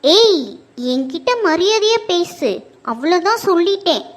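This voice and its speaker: A woman's voice: very high voice, animated, a little slow. A woman voicing a bossy, quarrelsome old woman neighbour who scolds and threatens. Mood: angry scolding.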